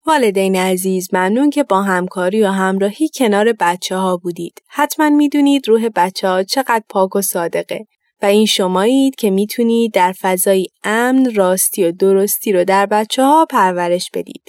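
A woman narrating a children's story and speaking gently and instructively to children and parents. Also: medium pitch, dry recording, studio quality.

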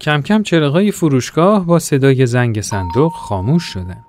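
A man reading a first-person story aloud in a gentle, reflective way. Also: medium pitch, expressive, a little hiss or hum. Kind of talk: scripted narration of a story. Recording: soft music behind the voice.

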